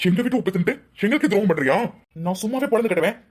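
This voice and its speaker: A rough cartoon thug, as a woman puts him on, speaking fast with a gruff, husky edge. He taunts and threatens. The voice sits in a middling register. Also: mid-range voice, animated, a little mellow, pitched below the performer's own voice. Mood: menacing. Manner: menacing, taunting. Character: vicious young village man, a lecherous thug. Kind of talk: cartoon voice acting.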